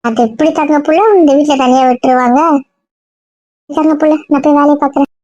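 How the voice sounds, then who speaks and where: A woman's voice: high voice, fairly even intonation, brisk, mellow, no echo, lightly acted. A woman playing a chatty, kindly elder sister. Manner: chatty, affectionate. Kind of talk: hobby audio drama. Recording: dull dry lo-fi sound.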